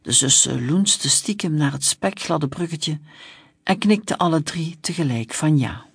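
A storyteller reading a children's book aloud in an even, measured way. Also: mid-range voice, slightly rough, dry recording, clean studio sound. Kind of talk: scripted storybook narration.

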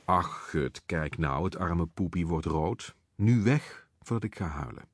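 A man's voice: low voice, lively intonation, unhurried, husky, dry recording, clean studio sound, heavily acted. A man voicing a flamboyant, mocking drag queen in an audiobook, with a sing-song, teasing delivery. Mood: camp teasing. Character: camp, mocking drag queen on a bar stage. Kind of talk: audiobook character voice.

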